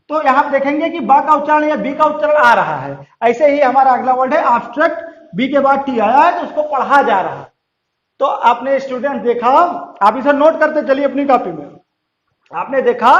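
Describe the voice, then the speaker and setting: A man teaching a lesson to students, repeating each rule slowly and asking them questions before answering himself. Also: very high-pitched. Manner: slow, drawn-out repetition of rules; addresses students directly, asks and answers questions. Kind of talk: classroom-style lesson. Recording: roomy, slightly dull sound.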